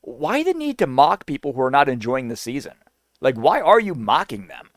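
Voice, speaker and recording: A man's voice: medium pitch, sing-song, fairly quick, no echo, studio quality. A man giving an indignant, argumentative reaction commentary, now and then mocking others in a sing-song voice.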